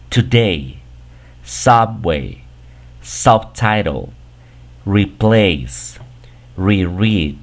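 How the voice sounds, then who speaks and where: Low-voiced man teaching pronunciation. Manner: explanatory, checks in with "¿ok?" and "¿sí?"; says English example words slowly and deliberately. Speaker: English teacher. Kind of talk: pronunciation lesson.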